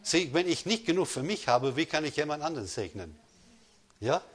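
Slow, emphatic male preacher. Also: fairly high pitch, big pitch swings, slightly rough. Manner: preaching with call-and-response, slows for emphasis. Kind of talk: sermon.

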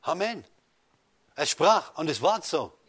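A man preaching a sermon, addressing listeners directly with rhetorical questions and swinging between loud rises and soft drops. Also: on the high side, big pitch swings, takes it slowly, husky. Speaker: pastor.

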